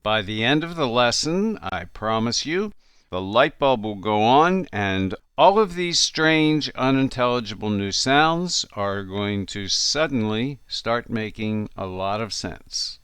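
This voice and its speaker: A man's voice: medium pitch, lively intonation, slow, a bit bright, smooth, dry recording. A man narrating a language course in a scripted, encouraging and reassuring instructor's manner, recorded on a studio microphone.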